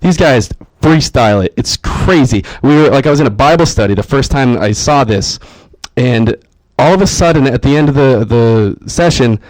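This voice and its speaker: Young male stand-up comic, animated storyteller, dry close mic. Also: mid-range voice, normal speed, few pauses, no echo, poor audio. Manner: animated storytelling, acts out his own panicked voice. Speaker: stand-up comedian. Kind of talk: stand-up comedy set. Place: comedy club stage.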